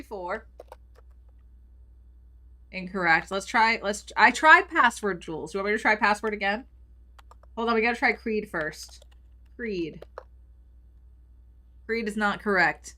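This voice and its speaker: A woman's voice: medium pitch, sharp tone, a little hiss or hum. A woman streaming a video game, chatting playfully with her viewers and reading their messages aloud. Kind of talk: casual live-stream commentary.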